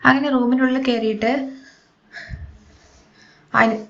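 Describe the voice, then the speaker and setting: A woman's voice: a little high, steady tone, slow pace. A woman retelling a TV serial episode in a chatty, storytelling way, quoting the characters' lines. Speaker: serial recap narrator. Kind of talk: casual storytelling recap. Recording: dull lo-fi audio.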